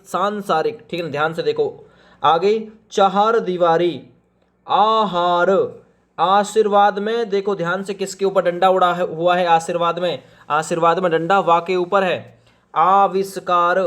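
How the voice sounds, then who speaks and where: A man teaching Hindi spelling for exam preparation, repeatedly telling viewers to pause the video and look carefully. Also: fairly high pitch, a bit bright. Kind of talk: exam-prep spelling lesson.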